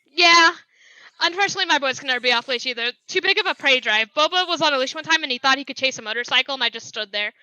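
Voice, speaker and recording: A woman player in a tabletop game, chatting excitably about her dogs, gushing, gasping and laughing often. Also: high-pitched, fast talker, no echo, poor audio. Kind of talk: casual tabletop chat.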